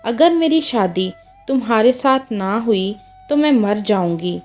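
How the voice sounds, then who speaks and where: A woman's voice: on the high side, lively intonation, measured pace, a little mellow, faint music behind. A woman voicing a young wife, pleading and accusing in a read-aloud story. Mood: desperate. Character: young wife, jealous and heartbroken.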